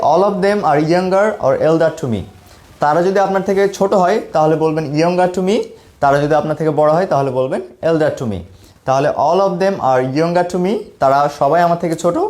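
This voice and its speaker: Guy teaching english, slightly high voice, reads example lines slow and says them twice. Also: darkish tone. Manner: explains in Bengali, reads English examples slowly and repeats them. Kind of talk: spoken English lesson.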